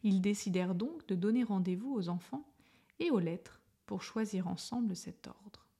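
A woman reading a children's storybook aloud with gentle expression. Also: medium pitch, moderate pace, breathy edge.

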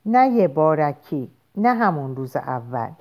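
A woman's voice: low voice, big pitch swings, highs cut off, exaggerated voice. A woman reading a storybook aloud, voicing a serious, restless young man who answers tersely.

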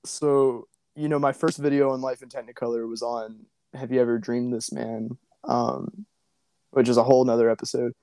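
A man's voice: medium pitch, level tone, moderate pace, warm tone, dry recording. A man tells a spooky tale in an easygoing, joking way, breaking into laughs. His voice sits mid-range and sounds close and dry, with no room around it. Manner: laughs often, wry and joking. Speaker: podcast host. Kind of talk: casual chat, storytelling.

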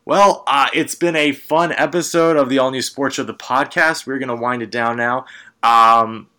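A man with a bright, forward voice hosts a casual sports podcast. He rambles enthusiastically, circling back on his words and laughing easily. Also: medium pitch, fairly even intonation, normal speed. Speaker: podcast host.

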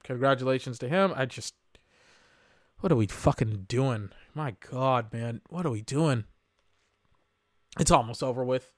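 A man's voice: medium pitch, a little slow, pauses often, no echo, clean studio sound. A man hosting a podcast, reacting live to an awards broadcast in casual, rambling commentary, often exasperated and swearing. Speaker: podcast host.

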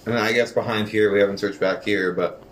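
A man's voice: lowish voice, steady tone, fairly quick, rough recording. A man chatting casually as a player in a tabletop game. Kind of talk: casual chat.

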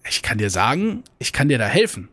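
A sly, scheming fox from a spoken fable, put on by a man with a low, hushed, coaxing voice. The sound is dry and close. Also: sing-song, fairly quick, slightly rough, no room sound.

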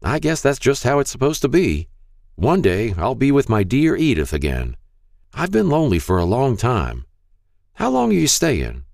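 A man voicing a frail, kindly old male shopkeeper who turns out to be a ghost, talking in a gentle, folksy way. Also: medium pitch, huge pitch swings, normal speed, vocal fry, dry recording, studio quality, voice pushed up.

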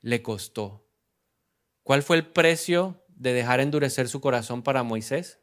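A man preaching a sermon who asks the congregation questions and answers them himself, slowing down to stress key phrases. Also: medium pitch. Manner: acts out quoted lines with sudden loud outbursts. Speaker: pastor.

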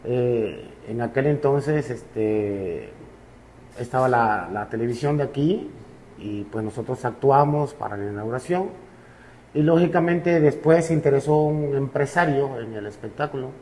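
A Cuban man in his fifties with a Cuban Spanish accent, a musician guest telling his life story in a relaxed way, with many fillers. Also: medium pitch, unhurried, a little hiss or hum. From Cuba.

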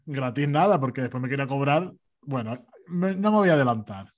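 A man telling a story in a casual chat, ironic and animated, acting out the other voices. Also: medium pitch, a little fast, lo-fi sound.

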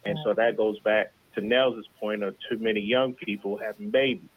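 A man speaks through a thin, tinny phone line as a caller to a talk show. His voice sits low. He talks earnestly, often restarting words as he works through his points. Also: steady tone, normal speed, husky, no echo. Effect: heard over a phone line. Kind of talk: call-in commentary.

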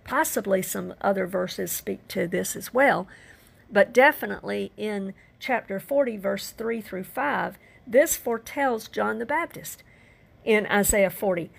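Gravelly older woman teaching scripture. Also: medium pitch, unhurried. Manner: earnest, emphatic rhetorical questions. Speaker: preacher. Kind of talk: Bible teaching sermon.

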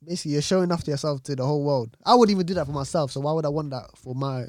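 A man's voice: a little high, racing, dry recording, clean studio sound. A young man with a London roadman accent, talking casually and in slang as a podcast co-host. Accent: London, urban roadman slang. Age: young adult.

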